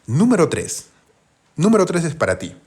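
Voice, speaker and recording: Husky man teaching in question-and-answer style. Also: a little high, wildly swooping pitch, moderate pace, darkish tone. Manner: asks rhetorical questions and answers them himself; patient, step-by-step explaining. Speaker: English teacher. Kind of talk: live-streamed grammar lesson.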